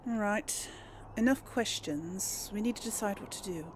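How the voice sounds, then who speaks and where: With a medium-pitched voice at normal speed, a woman who hosts a gaming channel thinks out loud in laid-back role-play commentary on a video game. Slight background noise can be heard.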